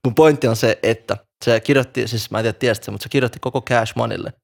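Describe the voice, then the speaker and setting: A man's voice: mid-range voice, fairly even intonation, gravelly. A man chatting casually and joking in a rambling, slangy way. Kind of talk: casual chat about rap.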